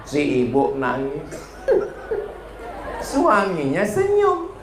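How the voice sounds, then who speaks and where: Man preaching, lively swooping pitch, slow deliberate delivery, humorous storytelling. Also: crowd noise. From Indonesia. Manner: animated storytelling, jokes, voices for characters. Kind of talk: humorous sermon with acted dialogue. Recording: echoey hall, faint background noise.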